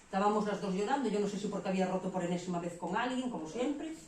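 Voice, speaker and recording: A Spanish-woman preacher gives a frank, animated testimony and slips into the voices of the people she quotes. Her voice echoes heavily through a church hall and sounds distant from the mic. A faint hum of the room sits underneath. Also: mid-range voice, quick pace. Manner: candid and animated, quoting herself and others. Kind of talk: testimony sermon.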